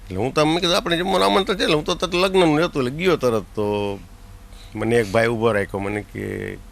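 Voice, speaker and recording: A man with a Gujarati accent telling a folk comedy story, slipping into quick voices for the people in it. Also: mid-range voice, creaky, a little hiss or hum. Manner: lively anecdotal telling with put-on voices for characters. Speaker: comic storyteller.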